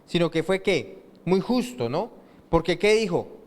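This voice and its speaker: Male pastor preaching, kinda high voice, lots of "¿qué?" and "¿cierto?" to the crowd, big echoey church. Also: sing-song, measured pace, darkish tone. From Colombia. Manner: asks rhetorical questions and lets the congregation fill in the answer. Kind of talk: sermon. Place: church hall with long reverb. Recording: reverberant church hall.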